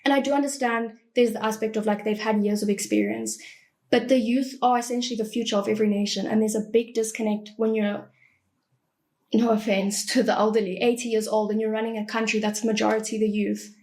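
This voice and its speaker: A woman's voice: fairly high pitch, little pitch movement, brisk, darkish tone. A woman in her early twenties, a student on a panel, explaining her views earnestly and at length. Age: 20s. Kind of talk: casual panel discussion.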